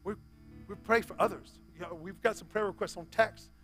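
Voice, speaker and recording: With faint music behind him, a high-voiced man in his forties preaches briskly from a church stage. He swings from loud calls to soft appeals that are almost whispered.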